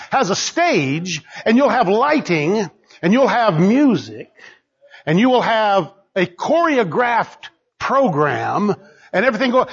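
A man preaching a sermon as pastor, swinging between loud exhortation and low asides. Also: slightly rough, dull audio.

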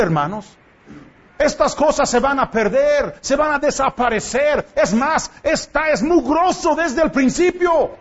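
In a dull, lo-fi church recording, a pastor with a very high, husky voice preaches to his congregation. He presses them with impassioned rhetorical questions.

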